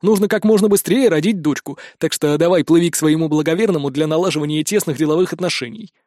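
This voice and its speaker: A brash, laid-back gamer friend, read by a male narrator in an audiobook. He lectures bluntly, full of slang, in a fairly high voice. The sound is close and dry. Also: fast talker, darkish tone, dry recording, lightly acted. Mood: lecturing.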